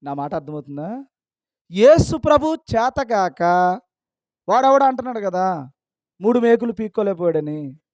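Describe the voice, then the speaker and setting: High-voiced man preaching with rhetorical questions. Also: a little mellow, no echo. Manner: scolding with rapid rhetorical questions. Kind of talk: sermon.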